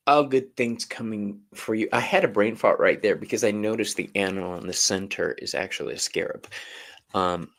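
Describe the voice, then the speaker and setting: A man's voice: on the low side, gravelly, fairly bright tone. A man co-hosting a live-stream tarot reading in a casual, chatty way, swearing freely. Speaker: tarot reader, stream co-host.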